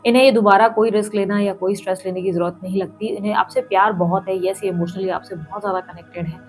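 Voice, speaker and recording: A woman's voice: mid-range voice, fairly even intonation, fast, darkish tone, soft background music. A woman tarot reader who speaks straight to the viewer, repeats her points for emphasis and calls on the universe between cards. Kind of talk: tarot reading to camera.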